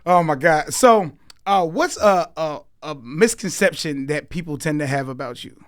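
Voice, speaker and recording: Host guy, high voice, asks stuff, dry close sound. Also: moderate pace, dry recording. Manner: short reactions and laughter. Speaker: podcast host. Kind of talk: casual interview.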